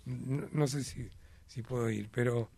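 A man's voice: medium pitch, steady tone, a little slow, vocal fry, darkish tone, a little hiss or hum. A man with a Uruguayan Spanish accent, chatting as a guest in an emphatic, rambling way with many fillers. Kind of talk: casual chat.

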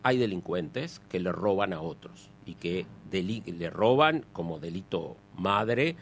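A man's voice: sits low, lively intonation, unhurried, a bit bright, slight background noise. A man with a Uruguayan accent, answering interview questions at length with many restarts and fillers. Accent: Uruguayan Spanish. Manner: hesitant restarts, explanatory.

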